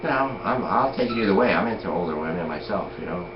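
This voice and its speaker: In an echoey, lo-fi room full of noise, a man in his forties chats casually, rambling and leaning on "you know" and "like." His deep voice is expressive and fast.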